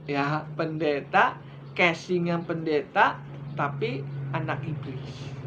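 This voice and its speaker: A middle-aged man preaching a sermon with emphatic delivery, pitch climbing high for stress and then dropping low and quiet. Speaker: evangelist preacher. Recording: slightly dull lo-fi recording with faint noise.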